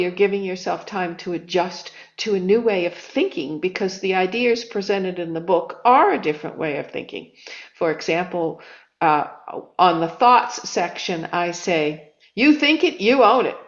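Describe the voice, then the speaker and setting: A woman's voice: fairly low pitch, moderate pace. A woman author, a guest in an interview, talking earnestly about spiritual ideas and illustrating them with everyday examples and quoted self-talk. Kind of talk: reflective spiritual conversation. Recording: roomy, slightly dull recording.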